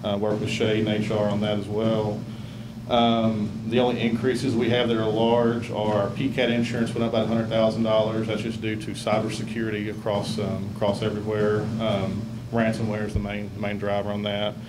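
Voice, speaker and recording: A man giving a budget report at a school board meeting, steady and full of ums. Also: fairly low pitch, normal speed, roomy sound, background noise. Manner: flat, steady, many ums. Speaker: school district finance officer.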